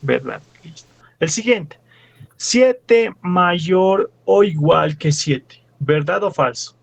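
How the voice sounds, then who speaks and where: A man's voice: high voice, lively intonation, slow, vocal fry, dry recording. A young man with a Bolivian Spanish accent, a teaching assistant working through problems step by step in class and quizzing his students. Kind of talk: classroom lecture.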